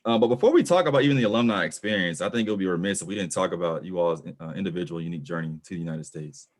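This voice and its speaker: A man's voice: sits low, racing. A man hosting a webinar on a video call, reading an upbeat scripted opening and guiding the chat. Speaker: host, program director.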